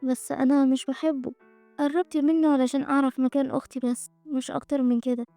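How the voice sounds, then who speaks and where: A woman reads a proud young woman who answers curtly and holds her ground, with an Egyptian Arabic accent. The voice is slightly high and gravelly but mellow, dry and close. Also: flat delivery, fast talker, no echo, faint music behind. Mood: earnest. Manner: curt and defiant.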